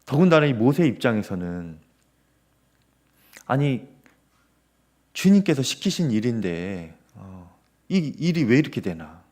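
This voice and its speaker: Male pastor, sermon delivery, lively intonation with fillers between phrases. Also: medium pitch, measured pace, pauses often. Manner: earnest preaching with fillers, rising and falling emphasis. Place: church sanctuary.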